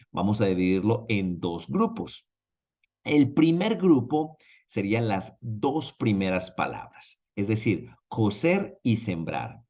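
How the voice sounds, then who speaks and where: An English teacher with a lowish voice runs an online language lesson, heard through dull audio. He patiently explains each point in a lively, drawn-out style and checks in with his viewers over and over.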